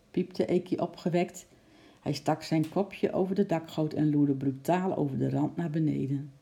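A woman with a low, dark voice narrates a storybook chapter. Her tone is gravelly and mellow, and she reads in a calm, measured way.

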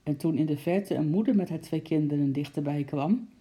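Low-voiced woman reading a children's story. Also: a little fast, dark tone. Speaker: narrator.

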